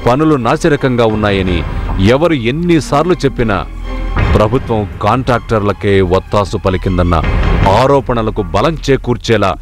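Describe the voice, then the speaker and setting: Low male news voice reading a report, heavy music under it. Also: animated, moderate pace. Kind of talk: scripted news narration. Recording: narration over loud background music.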